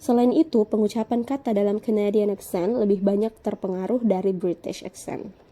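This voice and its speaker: A woman lecturer giving a measured, explanatory scripted lesson narration. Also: mid-range voice, fairly even intonation, warm tone.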